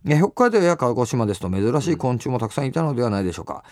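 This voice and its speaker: A middle-aged man talking fast in a casual chat, his pitch swinging wide as he tells stories and plays out quoted exchanges. The voice is dry and close, with no room sound around it. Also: no room sound. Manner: animated storyteller who acts out quoted exchanges. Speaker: musician and show host.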